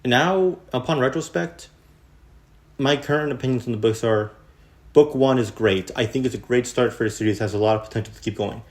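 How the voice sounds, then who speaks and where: A man's voice: medium pitch, fairly quick. A young man hosting a casual, rambling book review, full of fillers like "honestly" and "unironically". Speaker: video host.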